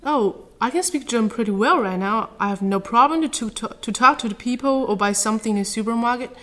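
A woman from China whose first language is Chinese, answering interview questions carefully in a somewhat halting, earnest way. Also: fairly high pitch, a bit bright. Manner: careful, earnest, slightly halting non-native phrasing.

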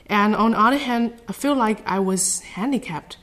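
This is a woman from China, a native Chinese speaker, answering interview questions. Her delivery is earnest and careful, with some halting restarts. Her pitch sits in the middle range. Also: fairly bright tone.

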